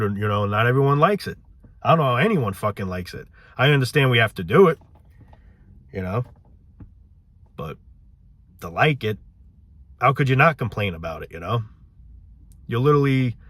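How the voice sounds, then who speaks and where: A man's voice: medium pitch, fairly bright tone, no echo. A man ranting casually and profanely to his viewers, frustrated and rambling. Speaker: vlogger.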